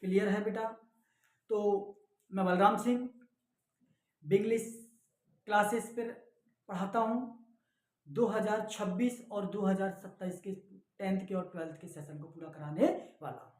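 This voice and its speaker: A man's voice: high voice, a little mellow. Indian male English teacher, lesson explainer who keeps checking his students follow, recorded in a reverberant room. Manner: explains line by line in Hindi and English, often asks "clear hai beta". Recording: echoey room.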